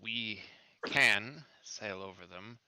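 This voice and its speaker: A man's voice: on the low side, slow pace, bright, forceful tone, clean tone, no echo, heavily acted. A man voicing a cautious, superstitious male ship captain who speaks formally and deferentially in a tabletop role-play.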